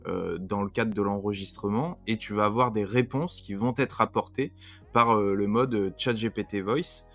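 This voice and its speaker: A man's voice: lowish voice, moderate pace, fairly bright tone, faint music behind. A man hosting a casual podcast interview, asking questions with lots of hesitations and fillers. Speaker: podcast host.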